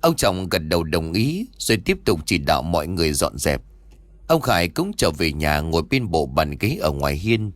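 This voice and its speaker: A man's voice: low voice, normal speed, no room sound. A man narrating a scripted horror story and voicing its characters himself. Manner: lively, voices the characters' dialogue himself.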